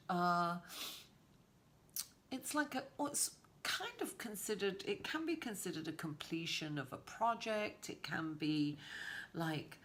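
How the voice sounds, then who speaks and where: A low-voiced woman, raspy and hoarse with a cold, gives a tarot reading. She talks casually and wanders into informal asides. There is some faint noise in the recording. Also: a bit bright. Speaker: tarot reader giving a weekly horoscope reading.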